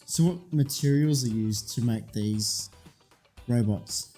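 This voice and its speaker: A man's voice: medium pitch, takes it slowly, dark tone, soft background music. A man co-hosting a podcast in casual chat, laid-back and hesitant, agreeing often. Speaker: podcast co-host.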